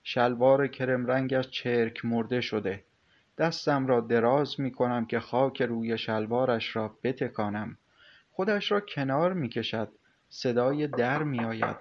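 A man narrating a first-person story in a calm, measured way. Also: mid-range voice. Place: recording studio. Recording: slightly muffled studio recording with soft music.

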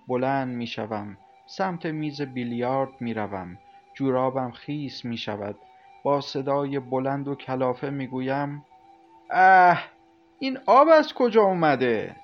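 A man narrating a first-person story in a calm, measured way. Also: mid-range voice. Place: recording studio. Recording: slightly muffled studio recording with soft music.

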